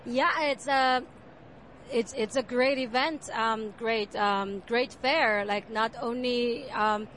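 A woman musician with a Korean accent, answering interview questions about her music, soft-spoken with many fillers. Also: fairly high pitch, fairly even intonation, slow. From South Korea. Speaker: jazz pianist and composer. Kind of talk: interview at a jazz fair.

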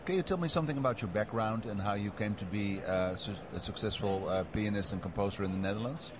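A man's voice: lowish voice, fast talker, noisy background. A man interviewing a musician at a jazz fair, asking friendly, chatty questions.

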